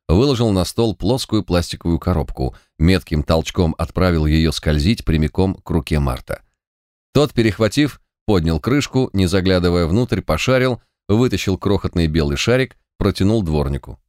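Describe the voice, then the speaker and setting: A man narrating an audiobook in an even, steady storytelling manner. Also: deep voice, moderate pace, no echo, studio quality.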